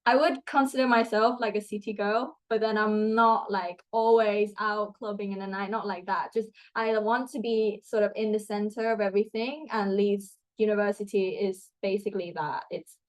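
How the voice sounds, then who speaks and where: This rough recording captures a young adult student from Thailand being interviewed. Her voice is medium-pitched, and her chatty answers are full of fillers and false starts.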